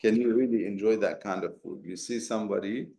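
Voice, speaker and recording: A man teaches a Quran commentary class, explaining things step by step, posing rhetorical questions and mixing in Arabic terms. His lowish voice is a little fast, mellow, with vocal fry, and the room is echoey.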